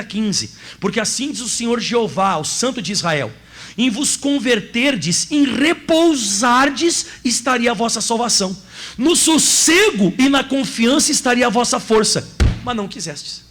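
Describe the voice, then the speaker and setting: A man with a Brazilian Portuguese accent preaching a sermon as pastor, emotional, rising at times to loud cries. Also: sits high.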